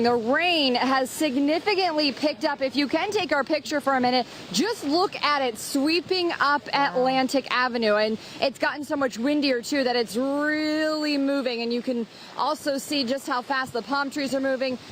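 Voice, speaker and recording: A woman field reporter giving live, descriptive on-location news coverage with an urgent delivery. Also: high voice. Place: outdoors at beach, streets and waterfront in storm. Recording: outdoor location noise with traffic.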